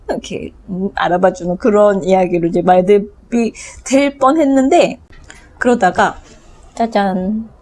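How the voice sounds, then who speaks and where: A woman's voice: mid-range voice, darkish tone. A woman reviewing picture books in a chatty way, with many fillers and frequent laughs. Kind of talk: casual book review.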